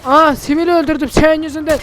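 Very high-voiced, brash male gamer. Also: fast. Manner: brash, excitable, swears at game characters. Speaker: gaming channel host. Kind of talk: casual gameplay commentary. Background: game music.

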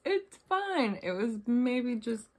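A woman's voice: fairly high pitch, very animated, slow. A woman co-hosting a casual snack review, chatting in an easygoing, teasing way. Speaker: co-host tasting food.

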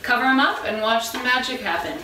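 A woman's voice: a little high, a little fast, pushed and bright, reverberant, slight background noise. A young woman hosting a casual cooking tutorial in a small home kitchen, chatty and upbeat as she cooks, recorded on a camera mic at a distance. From Washington State. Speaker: cooking show host.

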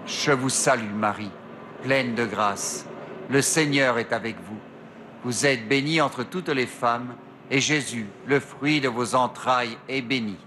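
A middle-aged male priest leading the rosary at an outdoor grotto shrine, reciting prayers slowly into a lectern mic. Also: mid-range voice, noisy background. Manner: slow measured prayer recitation. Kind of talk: slow recited prayer and meditation. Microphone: stand mic at a lectern.

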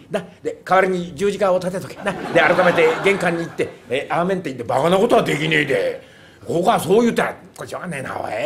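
A man voicing a rough, lazy fake priest who talks in gruff, brusque slang, in rakugo storytelling. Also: fairly high pitch, close to an everyday voice.

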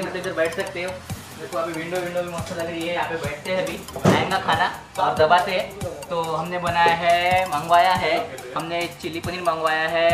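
A young man from Maharashtra, India, upbeat and high-voiced, films a casual food review vlog with background music under his voice. Outside on a street next to a bus he's loud, chatty and upbeat to camera; inside the bus restaurant, eating, he becomes quieter and relaxed.

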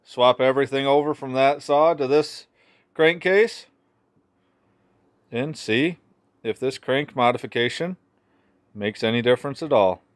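Pausing often at a measured pace, a medium-pitched man works at an indoor workshop bench as a chainsaw mechanic and video host, giving a laid-back demonstration in brief, offhand phrases. The recording is clear, with background noise and clicking as tools are handled.

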